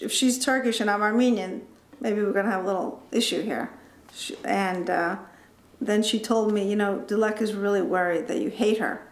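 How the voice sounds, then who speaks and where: A woman from central Massachusetts recalling her college years in an interview, halting with restarts. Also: mid-range voice. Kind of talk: interview recollection. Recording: roomy echoey room.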